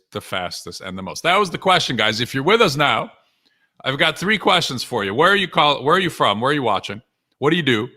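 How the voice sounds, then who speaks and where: Sharp in tone and mid-range in pitch, this sales coach and author runs a live webinar. He addresses viewers casually, favoring punchy short phrases and frequent rhetorical questions.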